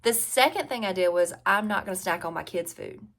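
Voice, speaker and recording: Pitched fairly low, a bit bright and a little fast, this is a woman in her forties with a Southern US drawl. As a health and weight-loss coach, she offers viewers relaxed, conversational advice and leans on repeated key phrases.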